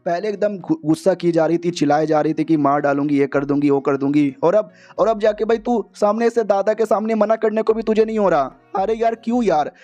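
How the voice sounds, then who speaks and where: A man's voice: high voice, fairly quick, hardly any pauses, warm tone, close to an everyday voice. A man voicing a cowardly, panicky young male lead who whines and rants frantically, in a comic manga recap. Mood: frantic. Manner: frantic, whiny.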